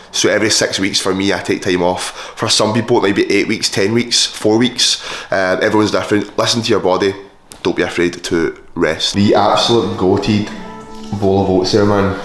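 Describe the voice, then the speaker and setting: A man's voice: lowish voice, fairly bright tone. A man chatting casually in a blokey, sweary way as a fitness vlogger, recorded in an echoey room. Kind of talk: casual vlog chat and gym tips. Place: large echoey indoor kitchen. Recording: echoey room with hard reflections.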